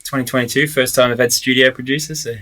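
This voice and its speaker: A man's voice: medium pitch, fairly even intonation, quick pace, sharp tone. A man with a broad Australian accent hosting a podcast in a laid-back, matey, casual way. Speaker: podcast host. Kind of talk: casual chat.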